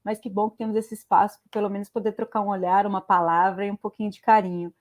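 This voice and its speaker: A woman's voice: medium pitch, flat delivery, fast talker, phone-quality sound. A woman from Bahia, a film director, introducing herself casually on an online panel, chatty with small hesitations. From Bahia, Brazil. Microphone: video call.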